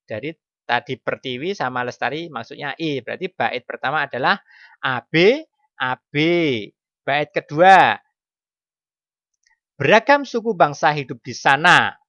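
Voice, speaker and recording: A man's voice: a little high, animated, unhurried, pauses often, sharp tone, no echo, lo-fi sound. A middle-aged man teaching a primary school class online, chatty and correcting himself as he goes, often asking questions. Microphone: computer mic on video call.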